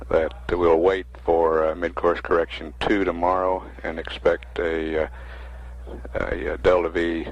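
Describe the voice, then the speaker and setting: A man giving halting, matter-of-fact mission status announcements as a public affairs officer, on a lo-fi 1960s recording. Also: low voice. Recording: dull lo-fi 1960s broadcast recording.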